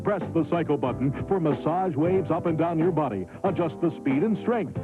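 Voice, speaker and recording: High-pitched male infomercial pitchman over music. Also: animated, moderate pace. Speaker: infomercial announcer. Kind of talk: upbeat infomercial sales pitch. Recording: muffled TV audio, music behind. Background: music bed.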